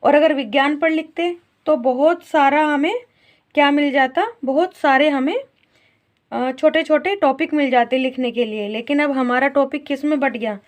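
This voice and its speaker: A woman teacher explaining a grammar lesson to young pupils, asking questions and then answering them herself. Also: high voice. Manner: slow, questioning, answers her own questions.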